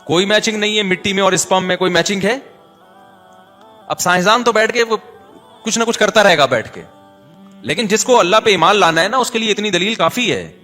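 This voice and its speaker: A man with a Karachi Urdu accent giving a religious lecture, moving between chanted recitation and chatty, animated asides. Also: high-pitched, pauses often, soft background music. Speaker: preacher.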